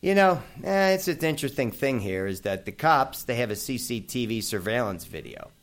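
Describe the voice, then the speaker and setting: A man's voice: medium pitch, normal speed. A man in his fifties with a New York accent, hosting a casual talk radio show and chatting brashly with listeners. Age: 50s. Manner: brash and animated, addressing listeners as folks. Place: radio studio.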